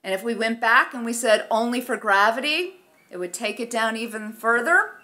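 Female presenter, middle-aged, forceful bright voice, slightly high, conversational how-to delivery at a podium mic. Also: normal speed. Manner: conversational, explanatory. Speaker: presenter, research office staff. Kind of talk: informal instructional presentation. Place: conference room, at a lectern. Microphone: gooseneck lectern microphone.

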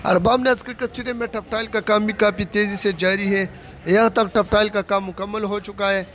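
A man's voice: sits high, steady tone, brisk, fairly bright tone. A man from Pakistan narrating a casual walking tour of a large stadium under construction, recorded outdoors on a handheld phone, talking in plain running commentary and repeating his phrases. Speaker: vlogger giving a site tour. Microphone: phone camera held by the speaker.

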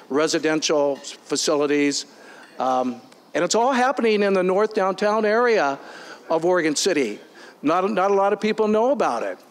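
Upbeat man hosting a business forum. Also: fairly high pitch. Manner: upbeat, with frequent ums and uhs. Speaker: forum host. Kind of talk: addressing a meeting room. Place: meeting room.

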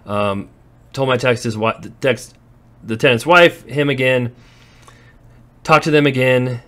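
A landlord who invests in real estate walks viewers through his properties in a handheld phone vlog, moving through empty warehouses and outside. His voice is mid-range with a fairly bright tone. He chats easily, telling stories and sometimes laughing.

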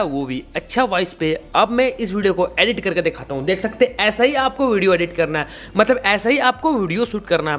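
A man in his twenties with an Indian accent hosts a YouTube tutorial, guiding viewers step by step in a casual, repetitive, instructional manner. His voice sits high and sounds a bit bright.

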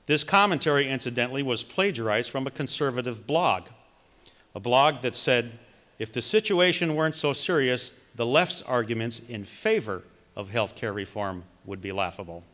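Bright, emphatic man speaking in a hall. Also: medium pitch. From Wisconsin. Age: middle-aged. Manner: reads from notes, emphatic measured delivery. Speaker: political candidate. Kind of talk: read campaign speech. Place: large conference hall, indoors. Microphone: podium microphone. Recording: long hall reverb.

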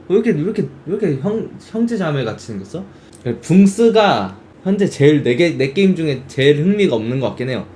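A man's voice: fairly high pitch, a little fast, a little hiss or hum. A young man who streams games, chatting casually and acting out reactions in quoted bits. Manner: animated, exclaims and acts out quoted reactions. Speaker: game streamer. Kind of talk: casual game chat.

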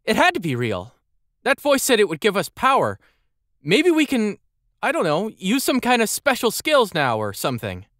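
An eager, boastful young boy in a storybook, as a man puts him on. His voice jumps very high and swings widely, sounding excitable and a bit shrill, recorded dry and close. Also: normal speed, no echo, exaggerated voice. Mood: thrilled. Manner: excitable, shrill when thrilled.

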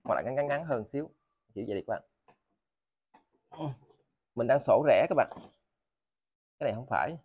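Southern Vietnamese man, halting casual sales patter. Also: mid-range voice, expressive, darkish tone, slightly rough, no room sound. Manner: halting, repeats words and phrases. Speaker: seller of used motors and machine parts. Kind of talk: casual, rambling sales vlog. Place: indoors in a cluttered tiled storeroom.

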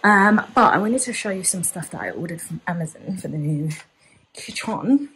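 In a rough home vlog recording, a woman chats in her kitchen, holding her phone at arm's length. She speaks at normal speed in a fairly low, fairly bright, animated voice, dropping plenty of ums and likes. Slight background noise is audible.

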